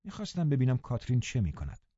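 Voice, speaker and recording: A man narrating a novel in the first person with expressive storytelling. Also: medium pitch, slightly rough, no room sound, muffled recording. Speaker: audiobook narrator.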